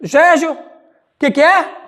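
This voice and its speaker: A man's voice: extremely high pitch, takes it slowly, pushed and bright. A male pastor with a Brazilian Portuguese accent, teaching a Bible study and calling on listeners by name.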